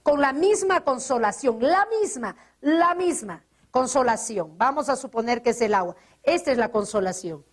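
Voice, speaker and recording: Woman preacher, high bright register, earnest sermon delivery, softens and slows on tender passages. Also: expressive. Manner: earnest preaching with rhetorical questions and scripture quotes. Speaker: pastor.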